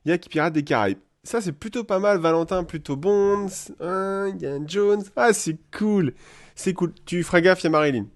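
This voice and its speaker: Brief: French male host of a live chat, playful, chatty, a touch higher voice. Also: normal speed. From France. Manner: lively, playful, laughs often. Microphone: live video call.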